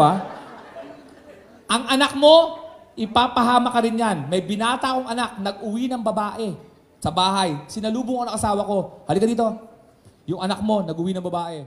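A man's voice: high-pitched, echoey room. A man performing a stand-up comedy routine and acting out the lines of people in his stories. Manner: animated, acts out quoted lines.

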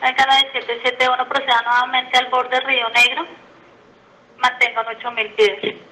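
A woman's voice: high voice, level tone, normal speed, bright, forceful tone, low-quality recording. A woman air traffic controller giving procedural instructions to aircraft over the radio. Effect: aviation radio.

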